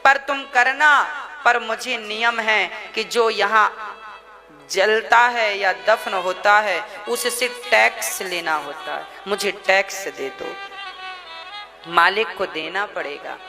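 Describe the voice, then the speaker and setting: A man's voice: high-pitched, slow pace, creaky, full character voice. A man playing a solemn, humbled king. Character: humbled king turned cremation-ground servant, stern and resigned. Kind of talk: sermon storytelling. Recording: long hall reverb, violin music behind.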